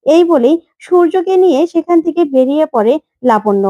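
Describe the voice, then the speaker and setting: A woman narrator retelling a TV serial episode in a steady storytelling manner. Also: high voice, a little fast, dry recording, muffled recording.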